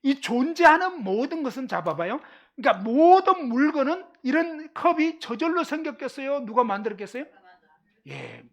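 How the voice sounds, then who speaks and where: A middle-aged Korean woman giving a lively Bible lesson to a live class, constantly asking questions and checking that everyone follows. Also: sits high, moderate pace. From Korean countryside.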